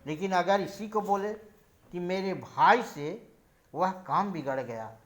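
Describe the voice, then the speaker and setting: Slow, deliberate male Hindi teacher. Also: fairly high pitch, fairly bright tone. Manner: slow, deliberate explanation, spelling out letters one by one. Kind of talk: Hindi grammar lesson.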